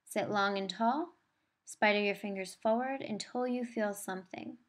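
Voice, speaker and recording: Woman, yoga teacher, soothing, encouraging, medium pitch, guided class instruction. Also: moderate pace.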